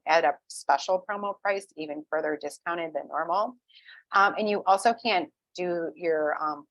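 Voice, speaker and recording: A woman with a low voice talks through an online ordering tutorial in a chatty, conversational way. She fills her sentences with "um" and keeps checking in with the listener. The sound is dry and close, with no room echo. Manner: chatty, filler-heavy, checks in with "okay?". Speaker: essential oil wellness advocate. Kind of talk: screen-share tutorial walkthrough.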